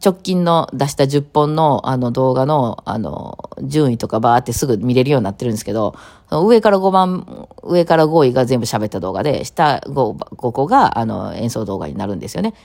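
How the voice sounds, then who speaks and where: A woman with a Kawachi Osaka accent and a low, gravelly voice, chatting on her own in a rapid-fire, piling-on way. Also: lively intonation, darkish tone. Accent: Kawachi Osaka dialect. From Kawachi, Osaka, Japan. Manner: rapid-fire, piling on one topic after another. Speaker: radio talk host. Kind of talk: casual solo talk.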